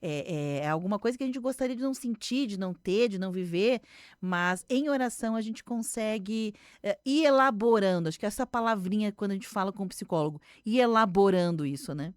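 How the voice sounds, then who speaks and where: A woman hosts a relaxed radio talk, thinking aloud in a reflective way. Her voice sits in a middle range. The sound is dry and close, with no room around it. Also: medium pitch, a little fast, smooth, no echo. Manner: reflective, speaks with many tag questions. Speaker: radio show host. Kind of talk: casual radio conversation.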